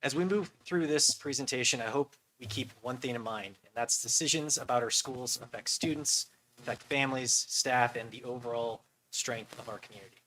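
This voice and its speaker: Bright-voiced man presenting school finances. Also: mid-range voice, slight background noise, poor audio. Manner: earnest, measured, with ums. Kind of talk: presentation to a board.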